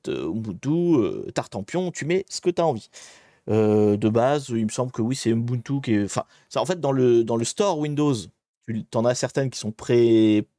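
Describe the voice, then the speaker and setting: A man's voice: mid-range voice, mellow, no echo, clean studio sound. A man casually commenting on a live stream as he works through a hacking challenge, chatty and rambling, often correcting himself mid-sentence. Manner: chatty, rambling, self-interrupting. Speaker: livestreamer doing a hacking challenge.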